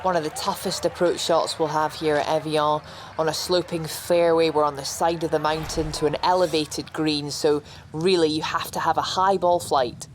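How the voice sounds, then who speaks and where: A woman's voice: low-pitched, steady tone, moderate pace, background noise. A woman giving golf commentary as an on-course reporter, explaining the shot in a matter-of-fact way.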